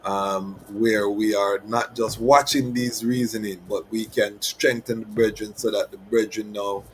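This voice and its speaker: A man's voice: on the low side, flat delivery, measured pace, a little hiss or hum, rough recording. A man with a Jamaican accent speaking as a host in Rasta speech, making an informal appeal to his audience with patois phrases and proverbs. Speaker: host of a Rastafari reasoning platform.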